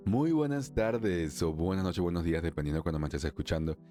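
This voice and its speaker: A man from Venezuela hosting a solo spiritual podcast, chatty, laughing often, slowing down for emphasis and then speeding up. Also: sits low, warm tone, soft background music. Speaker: podcast host, emotional wellness therapist.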